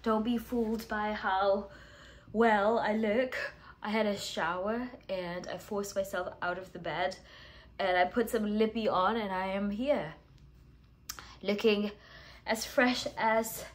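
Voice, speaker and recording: A woman English teacher hosts a writing challenge, chatting casually and self-deprecatingly to camera while congested with a cold. Her medium-pitched voice stays steady and slow, broken now and then by throat-clearing and coughs.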